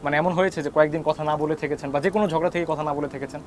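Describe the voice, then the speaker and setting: A man hosts a TV sports interview. He talks quickly in a fairly high voice and fills his questions with hesitations. Faint noise runs behind him. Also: fairly even intonation. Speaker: TV sports host.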